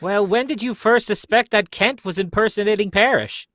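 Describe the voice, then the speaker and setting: Brief: man as skeptical radio-play inspector, forceful, slightly high male voice, blunt colloquial delivery. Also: moderate pace, no room sound, studio quality. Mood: brisk, questioning. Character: brisk, skeptical police inspector. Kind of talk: old-time radio mystery acting.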